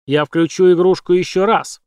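A man's voice: high voice, fairly even intonation, moderate pace, a little mellow, smooth, no echo, voice pushed up, natural voice. A man voicing a tense, commanding male sorcerer in an audiobook. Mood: frantic.

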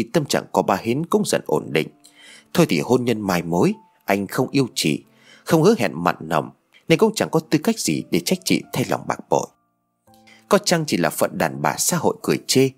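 A man tells an audio story with expressive narration. His lowish voice moves animatedly through its range and carries a husky edge. Soft music plays in the background.

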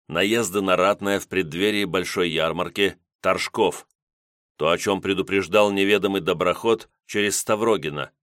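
A man narrating an audiobook in a measured storytelling manner. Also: deep voice, a bit bright, no room sound, studio quality.

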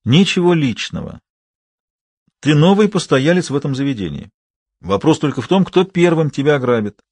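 A man reading an audiobook, voicing a sly, genial old vagrant preacher with a smooth, preachy manner. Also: a little high, sing-song, normal speed, darkish tone, dry recording, voice pushed up. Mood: teasing.

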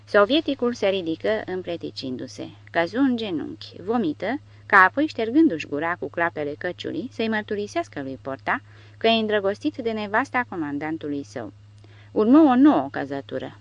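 A woman narrating a war novel audiobook with steady storytelling. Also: medium pitch, gravelly, no room sound. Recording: dull lo-fi audio.

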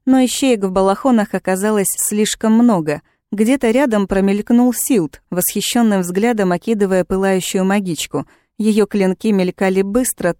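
A woman narrating a fantasy novel in a steady, measured storytelling manner. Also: mid-range voice, no echo, clean studio sound. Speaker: audiobook narrator.

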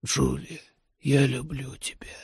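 A dying middle-aged father speaks in a broken, tearful whisper, as a man acts him out. The voice sits high and strained, hushed and husky, sinking ever weaker. He is an audiobook figure, full of remorse. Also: little pitch movement, takes it slowly, no room sound, clean studio sound, full character voice. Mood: fading whisper. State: weak and fading.

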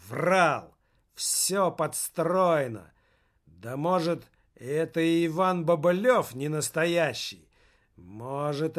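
A man's voice: fairly high pitch, fairly bright tone. A man reading aloud as a huge young man, scornful and accusing. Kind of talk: audiobook reading.

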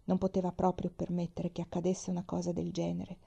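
Mellow-voiced woman reading a novel. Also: fairly low pitch, monotone, brisk, gravelly, slightly rough, dull audio. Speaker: reader.

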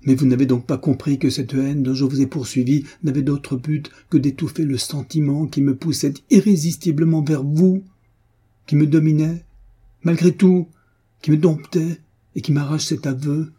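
A man's voice: fairly high pitch, steady tone, normal speed, mellow, husky, pitched above the performer's own voice. A man voicing a tormented young priest who speaks with impassioned, desperate intensity. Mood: passionate. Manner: impassioned, rising to outbursts.

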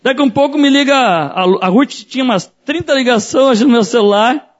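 A man's voice: very high voice, fairly quick, dull audio. A man preaching as a pastor, telling a personal story in a sermon and acting out the voices in it.

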